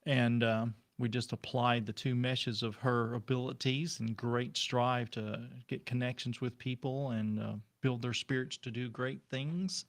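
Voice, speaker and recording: A man's voice: medium pitch, fairly even intonation, a little slow, few pauses. A man guest on a radio interview, talking in a hesitant, rambling way with many fillers. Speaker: guest, pirate hobbyist.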